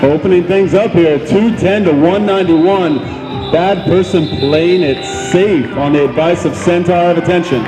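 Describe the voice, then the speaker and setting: A man giving excited live play-by-play sports commentary, rallying the crowd as an announcer. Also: high-pitched, moderate pace. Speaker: roller derby announcer. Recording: echoey venue, loud music and crowd.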